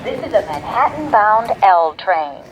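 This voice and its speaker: Male transit announcer, slow and lively-pitched, words spliced together, heard over loud train noise. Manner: measured, evenly paced, clipped phrases. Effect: spliced together pre-recorded words. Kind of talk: pre-recorded transit announcement. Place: inside a subway train car. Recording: onboard loudspeaker with rumbling train noise. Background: subway train rumble.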